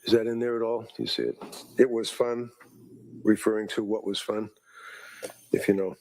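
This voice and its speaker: A man working as a defense attorney, cross-examining a witness in a courtroom recording, halting and repeating his words as he leads the questions. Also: fairly low pitch, steady tone, creaky, darkish tone, a little hiss or hum, poor audio.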